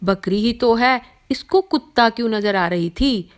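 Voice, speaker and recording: A woman voicing an irritable, easily confused male village priest in an audio story, scolding and shouting in disbelief. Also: a little high, measured pace, natural voice. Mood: bewildered.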